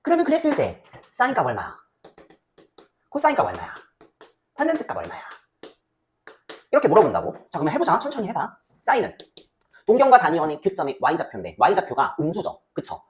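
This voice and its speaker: A woman's voice: on the low side, a little hiss or hum. A woman teaching a math lesson in a casual, chatty way, often asking the students to check along. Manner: chatty, asks students frequent checking questions; voices student replies herself. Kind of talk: casual lecture.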